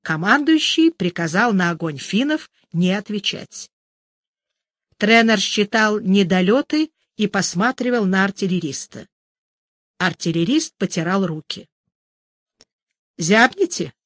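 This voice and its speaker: A narrator reading a literary story aloud in a measured, even storytelling manner, recorded close to a studio mic. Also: mid-range voice, no echo. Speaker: audiobook narrator.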